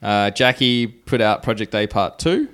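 A man's voice: fairly low pitch, animated, unhurried, fairly bright tone, clean tone. A man co-hosting a podcast, reading out film trivia with hesitant fillers. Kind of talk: casual chat.

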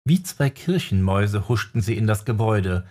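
A man reading a fantasy audiobook in steady scripted narration. His voice is low-pitched with a husky, slightly breathy grain. He tells the story at an even storytelling pace. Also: normal speed.

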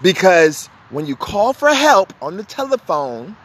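A man's voice: sits high, very animated, measured pace, fairly bright tone. A man hosting a podcast, delivering a fiery, blunt and profane monologue, hammering his points home by repeating them. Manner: emphatic, repeats points for force. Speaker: podcast host. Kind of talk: impassioned monologue.

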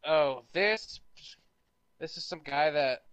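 A man's voice: fairly high pitch, takes it slowly, muffled recording, crowd noise. A man playing a tabletop game with friends, insistent and swearing, slipping into his character's lines. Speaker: player. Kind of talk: casual tabletop game chat.

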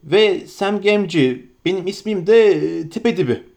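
A man's voice: high voice, expressive, a little slow, gravelly, darkish tone, full character voice. A man reading aloud and voicing a polite young male hobbit traveler who asks tentative questions.

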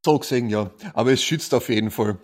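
A man co-hosting a casual card game podcast. His voice is of average pitch. He asks questions and hesitates with fillers. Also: fast. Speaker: co-host.

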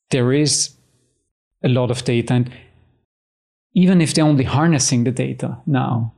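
A male interview guest from Austria with a mid-range voice. He speaks conversationally and somewhat haltingly, rewording his thoughts as he goes. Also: medium pitch, a little mellow.

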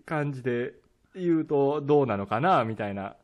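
A man with a Kansai accent, co-hosting a casual podcast, telling a story with animated delivery and playful engine-revving sounds. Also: mid-range voice, moderate pace. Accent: Kansai Japanese. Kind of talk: casual chat. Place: podcast recording.

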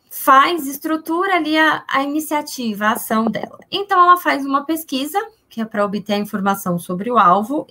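A Brazilian woman gives an informal explanation as an invited expert. Her voice is somewhat high. She keeps things simple, using everyday examples. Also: pushed and bright. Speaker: guest expert.

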